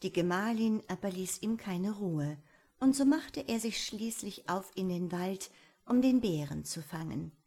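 A woman reading a fairy tale aloud in a calm storytelling manner. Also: medium pitch, unhurried.

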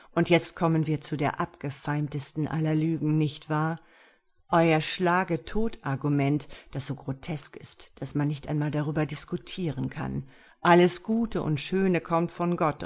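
A woman's voice: low voice, steady tone, unhurried, a little mellow. A woman voicing a mocking male stone angel who lectures with sardonic rhetorical questions, in an audiobook reading.

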